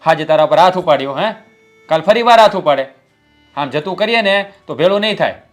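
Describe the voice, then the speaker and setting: A man's voice: fairly high pitch, lively intonation, brisk, soft background music, natural voice. An actor playing a protective husband who takes his wife's side in a family drama. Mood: stern.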